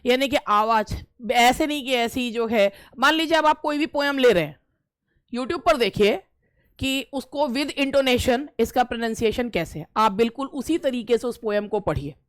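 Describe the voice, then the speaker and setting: A woman's voice: high voice, fairly bright tone, dry recording. Middle-aged woman teacher, chatty and repetitive, recorded dry. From India. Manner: conversational, repeats phrases, frequent hesitations. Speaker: English teacher giving interview tips. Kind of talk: casual instructional talk.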